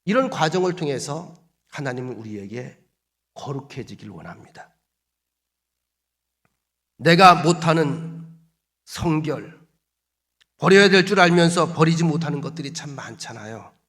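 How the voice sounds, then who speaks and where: A male pastor gives a Sunday sermon in a church. His high, bright voice swings widely between hushed and forceful. He builds his points through strings of rhetorical questions and emphatic repetition. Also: expressive, unhurried, pauses often. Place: church sanctuary.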